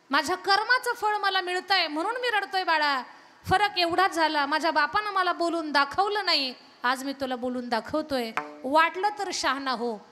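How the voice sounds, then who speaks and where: Woman doing a grieving old father, low and tearful. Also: pushed and bright. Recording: long hall reverb from a PA.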